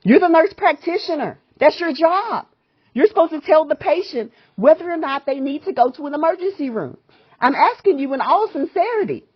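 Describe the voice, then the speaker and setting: A woman with a high voice and lively intonation, speaking at normal speed, calls a medical provider as a patient. She's demanding and confrontational, pushing her questions and repeating them often. The phone call recording is muffled and lo-fi.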